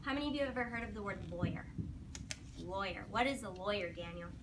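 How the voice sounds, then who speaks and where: Her mid-range voice animated and quick, a woman teacher reads to young children and asks them questions, giving simple instructions and praise. The classroom is noisy and the microphone sits at a distance.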